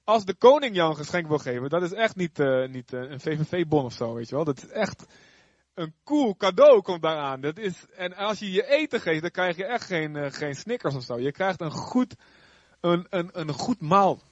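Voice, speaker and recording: A man teaching a Bible story in a casual, animated way, acting out the characters' lines. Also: a little high, moderate pace, no echo, lo-fi sound. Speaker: youth preacher.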